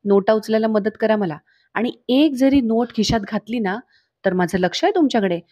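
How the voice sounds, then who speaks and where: A woman's voice: a little high, expressive, normal speed, warm tone, dry recording. A woman voicing a street-smart young man who banters cheekily and stirs up trouble, within a recap of a TV serial. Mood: mock outrage.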